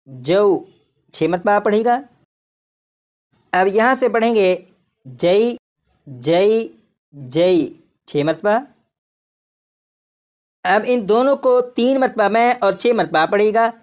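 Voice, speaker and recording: Patient male recitation teacher. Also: extremely high pitch. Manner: patient, repeats each rule and demonstrates sounds slowly. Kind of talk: step-by-step recitation lesson.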